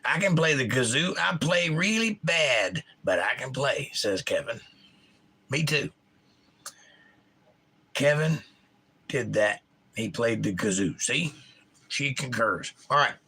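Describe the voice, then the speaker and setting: Reading and responding to his viewers' comments, a middle-aged streamer from Georgia, whose Southern accent has shifted somewhat northward, speaks slowly and pauses often. His middle-pitched voice is bright and forward, his consonants precise, his manner animated and opinionated. The recording is rough.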